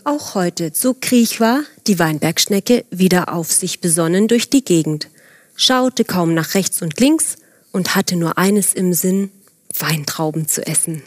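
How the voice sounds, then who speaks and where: A woman narrating a gentle children's story, speaking calmly and directly to the children and now and then dropping to a soft whisper. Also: fairly low pitch, unhurried, dry recording.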